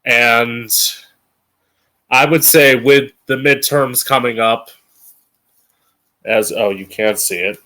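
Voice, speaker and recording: Slow, bright-voiced campy American drag queen. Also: medium pitch, fairly even intonation. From Florida, United States. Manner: blunt, frequent swearing. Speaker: drag queen host of a political commentary show. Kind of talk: opinionated political monologue to camera.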